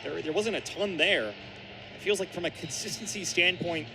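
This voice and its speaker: A young man with a high voice, talking at normal speed, gives explanatory, analytical color commentary during a live football radio broadcast. He is at an outdoor stadium, and loud ambient noise fills the broadcast.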